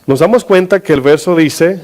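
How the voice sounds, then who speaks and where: A man's voice: on the high side, moderate pace, a little mellow. Spanish-speaking pastor preaching to his congregation. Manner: asks the congregation questions and drags out key words for emphasis. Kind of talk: sermon.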